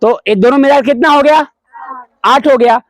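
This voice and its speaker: A man's voice: very high-pitched, moderate pace, no echo. A man teaching at a school prayer assembly. He leads call-and-response, repeats key words, asks questions and answers them himself, and mixes English phrases into his explanations. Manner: repeats key words, calls pupils "babu". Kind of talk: leading a morning school assembly lesson.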